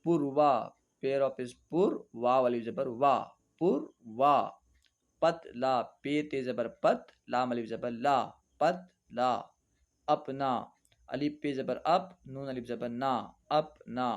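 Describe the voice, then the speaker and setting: A man teaching Urdu reading, spelling words out letter by letter and then reading them slowly and patiently. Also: medium pitch. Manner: patient explaining teacher, often says "theek hai". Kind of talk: slow spelling-out lesson.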